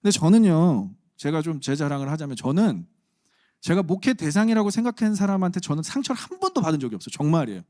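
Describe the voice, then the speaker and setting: A man's voice: on the high side, big pitch swings, fast, dark tone, no echo. Man, pastor, chatty humorous sermon, dry close sound. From Chungcheong region, Korea. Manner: conversational, humorous, emphatic preaching.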